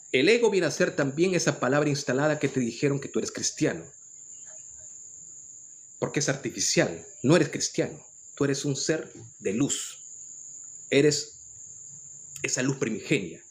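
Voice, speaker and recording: A man's voice: mid-range voice, lively intonation, measured pace, pauses often. A man with a Peruvian accent giving an earnest, lecturing spiritual monologue, often restarting his phrases. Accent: Peruvian Spanish. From Peru. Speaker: spiritual commentator.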